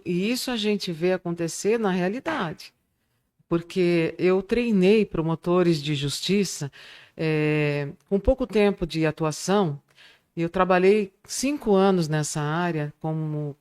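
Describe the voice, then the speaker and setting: A middle-aged woman with a Brazilian accent, a public speaking teacher telling lively stories in an interview. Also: lowish voice. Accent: Brazilian Portuguese. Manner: animated storyteller, acts out quoted students. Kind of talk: interview answers, storytelling.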